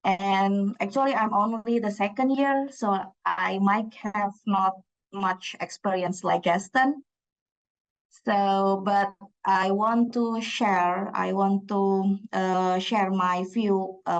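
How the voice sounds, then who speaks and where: In lo-fi sound, a young Indonesian woman with a creaky, medium-pitched voice presents her PhD research at a conference in a conference room. She has an Indonesian accent, Javanese is her first language, and her speech is full of fillers and restarts.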